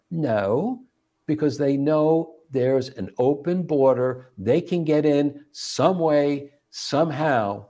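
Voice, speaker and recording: Man, political commentary co-host, mellow warm tone, rhetorical questions, argumentative. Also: mid-range voice. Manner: argues point by point with rhetorical questions.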